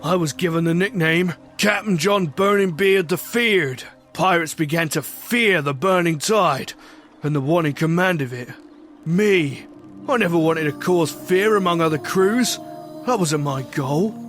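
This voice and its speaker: A bearded pirate captain played by a man spins his adventure in a rather high voice over music. He is hearty and boastful, with a wistful streak, and talks in salty dialect like a storyteller in an audio drama. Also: unhurried, fairly bright tone. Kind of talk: scripted pirate adventure narration.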